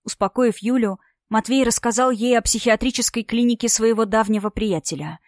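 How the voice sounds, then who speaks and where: A woman narrating a dramatic audiobook story in an even, expressive storytelling voice. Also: fairly high pitch, brisk, no room sound, studio quality.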